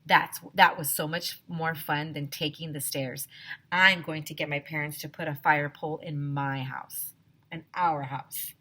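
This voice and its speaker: A woman teacher reads a children's story aloud expressively, animated and emphatic as she speaks directly to young listeners. Her voice is low and a little slow.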